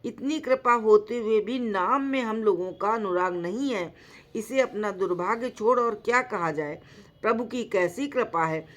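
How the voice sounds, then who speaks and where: Slow, deliberate woman reciting scripture. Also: medium pitch. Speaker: storyteller. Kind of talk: devotional story reading with scripture recitation.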